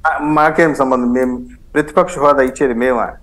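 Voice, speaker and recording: Brief: man debate guest, mid pitch, sarcastic and combative, switches between languages. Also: fairly even intonation, normal speed, poor audio. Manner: combative, sarcastic, mixes in English phrases. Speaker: political party spokesman, debate guest. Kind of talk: heated TV news debate.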